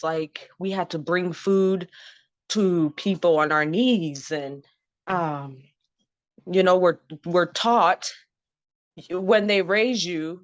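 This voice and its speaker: A Zimbabwean woman in her thirties with a low-side voice frankly tells her own story as an interview guest, often laughing and saying "um" and "you know." The talk is casual and candid, and the recording sounds dry, dull, and lo-fi.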